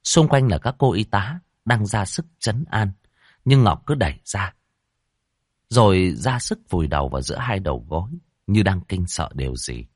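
Deep-voiced expressive male narrator. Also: normal speed, breathy edge, no echo, clean studio sound. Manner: expressive, dramatic, voices characters. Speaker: storyteller. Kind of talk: horror audiobook narration.

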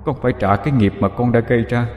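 A man's voice: medium pitch, unhurried, mellow, voice pushed up. A man voicing the sorrowful spirit of a dead young man speaking through his aunt, tearful and pleading, with a ghostly echo. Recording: long echoey reverb.

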